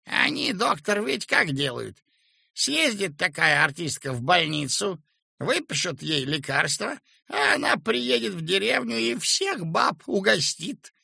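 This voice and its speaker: Man putting on a stern male medic, scolding, high and forceful, gravelly. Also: big pitch swings, a little slow, dry recording, studio quality, full character voice. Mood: explaining.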